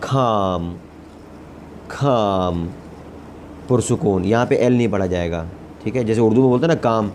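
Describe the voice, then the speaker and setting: Slow, deep-voiced man teaching English words. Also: darkish tone, slight background noise. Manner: slow, repeats each word several times before translating. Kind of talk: vocabulary lesson with repetition drills.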